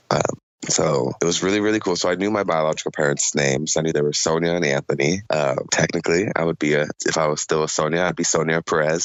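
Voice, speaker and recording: A man in his twenties from Southern California, a podcast guest telling his story in a relaxed, chatty way with lots of fillers. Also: a bass voice, no echo, highs cut off. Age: 20s. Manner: relaxed and chatty, many "um" and "you know" fillers. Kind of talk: casual interview storytelling.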